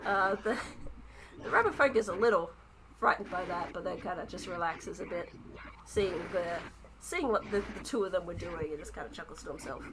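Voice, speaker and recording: A woman's voice: lowish voice, brisk, background noise. A woman running a tabletop game as game master, narrating casually with many restarts. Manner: casual, lots of fillers and restarts.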